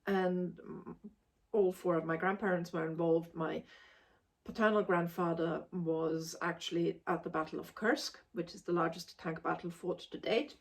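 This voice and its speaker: A woman's voice: on the low side, steady tone, moderate pace. A woman in her forties from Austria, giving a casual spoken book review in an emphatic, articulate, forthright way.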